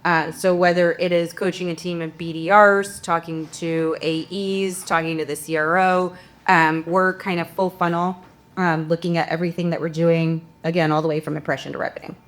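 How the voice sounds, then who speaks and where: A woman's voice: lowish voice, level tone, normal speed. A woman agency vice president introducing herself on a conference panel, talking in business jargon with many uhs and you-knows.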